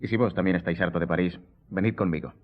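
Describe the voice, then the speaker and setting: An actor playing a worldly, self-assured count in a radio drama, with a courtly, theatrical and wryly ironic manner. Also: male voice, low-pitched, fast, lightly acted. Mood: wry, animated. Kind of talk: Spanish radio drama acting. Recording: muffled, phone-like radio recording.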